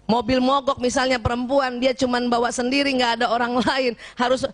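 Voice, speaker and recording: A woman giving a lively talk to an audience of women, animated and often checking in with her listeners. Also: a little high, fairly quick. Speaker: speaker addressing women.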